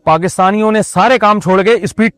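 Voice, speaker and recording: A male preacher from Pakistan delivers a religious talk in a lively, chatty way, teasing his audience with jokes and rhetorical questions. His voice sits fairly high for a man. The recording is close and dry, with faint music underneath. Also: fairly quick, no echo. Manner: conversational and joking, full of rhetorical questions. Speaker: Islamic preacher. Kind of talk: religious lecture.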